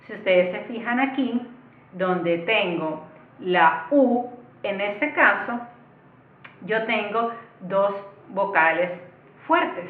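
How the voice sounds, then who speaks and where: A woman's voice: mid-range voice, lively intonation, slow pace. A woman teaching an online lesson, explaining step by step in a patient way and speaking directly to her viewers. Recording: echoey room, tinny phone-like sound.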